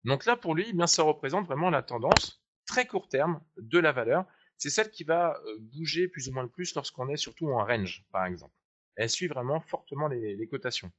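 A man's voice: on the high side, animated, normal speed, a bit bright. A man teaching a live webinar tutorial on trading charts, chatty and explanatory, asking viewers to click along. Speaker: trading software trainer. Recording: dull lo-fi sound.

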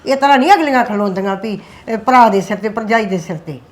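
A woman playing a widowed older mother who counsels her two sons, speaking softly and pleadingly. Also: medium pitch, quick pace, natural voice. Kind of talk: scripted web drama acting.

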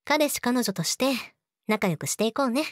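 Woman doing a sweet creepy-obsessive jealous yandere girlfriend, audio drama, highish voice, really close and dry. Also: lively intonation, moderate pace, no echo, close to an everyday voice. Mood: teasing, menacing. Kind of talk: Japanese situation voice audio drama, addressed to the listener.

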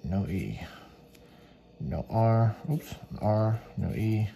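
A man's voice: fairly low pitch, expressive, takes it slowly, vocal fry, warm tone, slight background noise. A man giving casual running commentary as he works, muttering to himself in short fragments and spelled-out letters. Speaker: host of a scratch ticket video.

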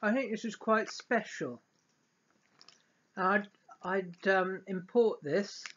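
A man's voice: high-pitched, slow, a bit bright, breathy edge. A middle-aged man chatting casually as he reviews snacks, in a hesitant, musing manner. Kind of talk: casual tasting chat. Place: living room, indoors. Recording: dull lo-fi webcam sound with noise.

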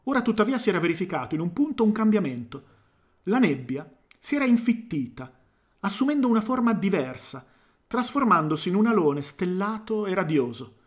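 A man reading a short story aloud into a microphone, now and then pausing to correct himself. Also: high voice, big pitch swings. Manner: reads aloud, stops to correct himself and comment. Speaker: reader. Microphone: studio microphone.

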